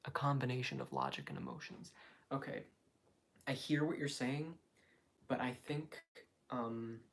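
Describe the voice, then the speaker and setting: A man talking casually and quietly on a late-night livestream from home, in a hesitant, rambling, reflective way. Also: medium pitch, big pitch swings, unhurried, creaky. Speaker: live streamer. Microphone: phone.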